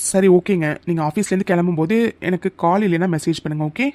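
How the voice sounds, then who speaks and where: A voice actor playing a caring young husband in a cartoon, soft and reassuring. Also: medium pitch, steady tone, fast, no echo, lightly acted. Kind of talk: cartoon voice acting.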